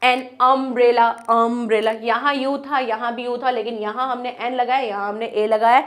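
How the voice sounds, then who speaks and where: Female grammar teacher, fairly high voice, patient step-by-step explainer who sounds words out slowly. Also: steady tone. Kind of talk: online grammar lesson.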